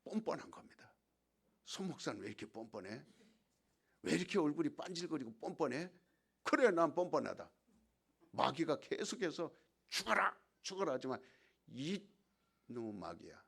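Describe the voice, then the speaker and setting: Gravelly, lively male preacher. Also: fairly high pitch, moderate pace, pauses often. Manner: emphatic preaching, call-and-response. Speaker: pastor. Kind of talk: sermon.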